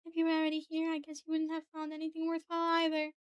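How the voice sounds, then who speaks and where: A woman voicing a tough, wary female investigator who answers in blunt, sharp retorts. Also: extremely high pitch, monotone, quick pace, no echo, dull audio, voice pushed up. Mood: guarded.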